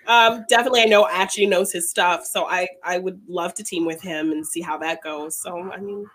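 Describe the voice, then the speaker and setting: A woman's voice: fairly low pitch, steady tone, brisk, fairly bright tone. A woman chatting as a guest, laughing often and trailing off as she talks. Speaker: guest, league player. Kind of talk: casual chat.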